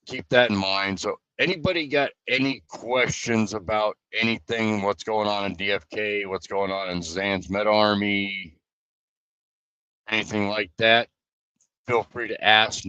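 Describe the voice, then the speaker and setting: A man's voice: on the low side, bright, forceful tone, clear, resonant tone, no room sound, lo-fi sound. A man chatting loosely on a live stream as guild leader, rambling with fillers and restarts. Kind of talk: casual live stream chat.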